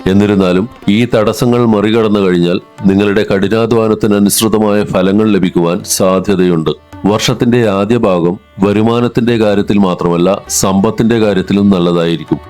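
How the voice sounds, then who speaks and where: A man with a low voice narrates a horoscope from a script. His reading is even and formal, and soft music plays under it. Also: normal speed. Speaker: astrology narrator. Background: soft instrumental music.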